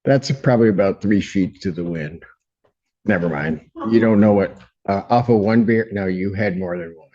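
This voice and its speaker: A man's voice: fairly low pitch, moderate pace, a little mellow. A man speaking as a judge in an informal hearing, plain-spoken and patient, often interjecting. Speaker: judge presiding over a hearing. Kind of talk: informal courtroom exchange. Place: court hearing held over video call. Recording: dull video call audio.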